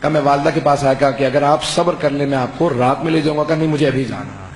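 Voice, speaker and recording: A male religious scholar delivering a sermon, telling the story with passion and rising to shouts. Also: on the high side, fairly even intonation. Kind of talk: Shia majlis sermon. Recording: roomy hall sound, faint background hiss.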